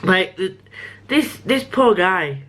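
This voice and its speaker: A young woman book vlogger chats casually about a book she's reading, sounding a bit sniffly and often restarting her sentences. Her medium-pitched voice is animated and a bit bright, and she takes it slowly, rambling and interrupting herself.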